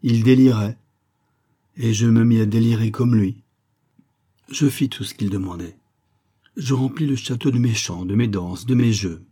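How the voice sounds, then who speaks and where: A man's voice: mid-range voice, moderate pace, pauses often, warm tone, slightly rough, close to an everyday voice. A man voicing an old woman, a former opera singer, telling her story with confiding wistfulness. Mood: recounting.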